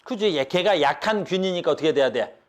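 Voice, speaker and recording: A middle-aged man teaching biology to a high school class. His voice sits slightly high and swings widely up and down as he explains. He keeps stopping to quiz the room. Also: brisk. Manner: lively, keeps checking in with questions to the students. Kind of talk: classroom lecture.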